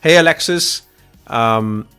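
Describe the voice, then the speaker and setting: A man's voice: medium pitch, animated, slow pace, bright, forceful tone, smooth, soft background music. Chatty Indian-accented man hosting a call-in. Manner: enthusiastic, chatty, frequent restarts. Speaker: call-in livestream host. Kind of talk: casual chat.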